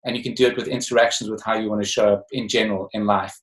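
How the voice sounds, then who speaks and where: A man speaking as a coach and interview guest, reflective and unhurried, often pausing with ums and restarting phrases. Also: fairly low pitch, level tone, fairly bright tone. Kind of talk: casual interview talk. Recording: echoey room.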